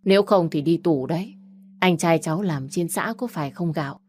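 A woman voicing an older village man who calmly gives practical advice. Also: lowish voice, slight background noise, close to an everyday voice. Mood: advising. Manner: measured, advising tone.

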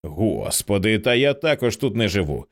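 Guy reading a snappy young shop girl, blunt, lively up and down. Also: on the low side, moderate pace. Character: sharp-tongued young woman shop clerk.

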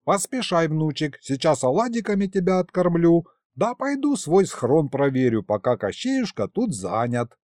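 A sly, folksy old grandfather in his seventies who chatters in an old-fashioned way with a lively, lifted voice, as a man reads him in a storybook. The sound is dry and close. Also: a little high, moderate pace, hardly any pauses, dry recording.

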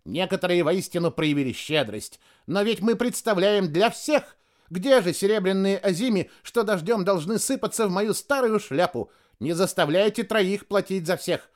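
A man's voice: high voice, animated, normal speed, pitched above the performer's own voice. A man voicing a flamboyant showman doctor who addresses a theatre crowd in a flowery, ingratiating barker's manner. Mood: wheedling.

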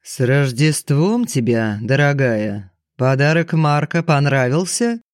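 A man's voice: mid-range voice, lively intonation, slow pace, no room sound, studio quality. A man voicing an arrogant older banker with a curt, commanding, haughty manner in an audiobook. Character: arrogant older male banker, domineering and explosive.

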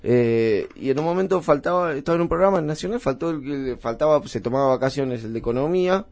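An Argentine man talking as a guest on a radio show, his pitch swinging widely as he tells jokes. He rambles, backtracks and laughs at his own bits, heard through a studio microphone. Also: lively intonation, fast talker, a little mellow. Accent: Argentine Spanish. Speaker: comedian guest. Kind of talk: casual interview banter with comic bits.

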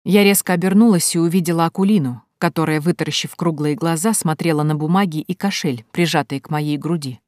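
Low-voiced woman narrating an audiobook. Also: fairly quick, few pauses, no room sound, studio quality. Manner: lively, acts out dialogue in narration. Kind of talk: first-person audiobook narration.

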